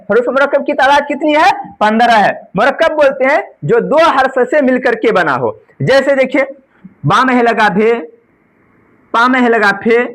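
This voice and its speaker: Woman teacher, exam-prep grammar lecture, asks and answers her own questions, spells letters out slowly. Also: on the high side. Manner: asks the class questions and answers them herself; often adds a checking "right?" tag.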